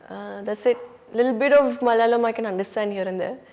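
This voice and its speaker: Her voice sits on the high side, quick, creaky and darkish in tone, with hall reverb around it. She is an Urdu-speaking actress from Hyderabad with an Indian English accent, answering interview questions in a candid, reflective way, with frequent "you know" and "um."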